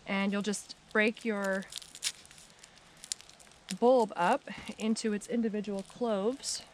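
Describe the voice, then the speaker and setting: A woman's voice: medium pitch, fairly even intonation, takes it slowly. A woman talking casually as she hosts a gardening how-to, recorded outdoors. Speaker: host of a gardening tutorial. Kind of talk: casual how-to vlog talk. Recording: faint outdoor background noise.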